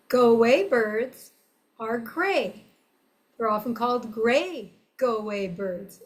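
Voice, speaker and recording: An older woman presenting a simple, friendly lesson for children in a deliberate way, with frequent pauses. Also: fairly high pitch. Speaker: presenter teaching bird calls.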